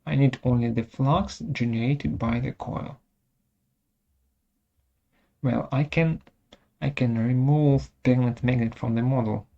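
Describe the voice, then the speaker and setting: Someone of unclear sex presents a technical software demonstration step by step, speaking in brief, halting phrases, captured as muffled webinar audio. The medium-pitched voice is gravelly and steady in tone.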